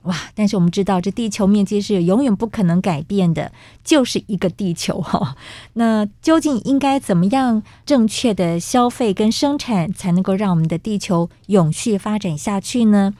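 A woman's voice: mid-range voice, moderate pace, mellow, no echo. Muffled Taiwanese woman hosting through a face mask. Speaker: radio program host. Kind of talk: scripted radio introduction and interview hosting. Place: radio studio.

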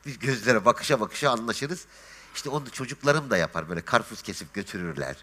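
A man talks fast and with lots of swing in his voice, spinning little stories and slipping into the voices of the people in them. His tone is bright and forward, the easy manner of a guest swapping tales on a talk show. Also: mid-range voice. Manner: lively storyteller, acts out dialogue. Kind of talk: casual chat.

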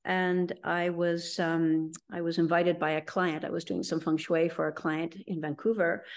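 Low-voiced middle-aged woman telling her story. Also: creaky. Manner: rambling, with frequent ums and restarts. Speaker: interview guest. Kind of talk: conversational storytelling.

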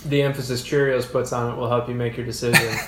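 A man's voice: medium pitch, level tone, fast, roomy sound, noisy background. A man co-hosting a casual chat, rambling through a recap with acted-out quotes. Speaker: podcast co-host.

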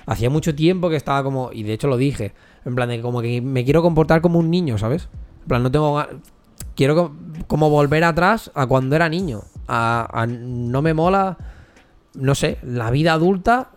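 A man's voice: on the high side, normal speed. A man chatting candidly on a podcast, swearing often and restarting his sentences as he goes. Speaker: podcast co-host. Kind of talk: casual podcast chat.

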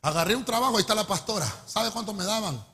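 A middle-aged man with a Honduran accent preaching a testimony sermon, telling his story in an animated way and calling his listeners brother. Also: high-pitched, quick pace, breathy edge. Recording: echoey hall with long reverb.

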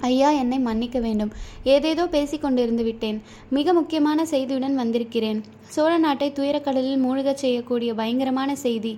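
A woman's voice: sits high, moderate pace, dark tone. A woman voicing an earnest young warrior. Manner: earnest, respectful. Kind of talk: storybook reading. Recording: dull lo-fi recording.

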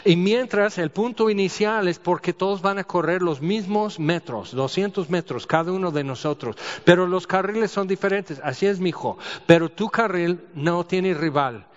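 A man's voice: high voice, moderate pace, hardly any pauses. A man preaching a sermon, telling stories and asking rhetorical questions. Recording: dull audio with long hall reverb.

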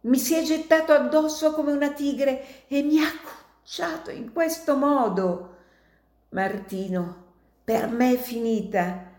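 A woman's voice: high-pitched, takes it slowly, darkish tone, voice pushed up. A woman voicing a wounded old male American miner who gasps and pleads in strained gasps, read aloud as a storybook in a roomy space. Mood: dying, pleading.

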